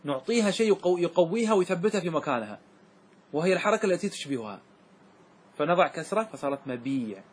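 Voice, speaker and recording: A man teaching Arabic grammar as a sheikh, walking his class through word forms step by step and asking often whether it is clear. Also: fairly high pitch, sing-song. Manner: keeps checking that students follow, asking if it is clear; slows and repeats words to stress their forms.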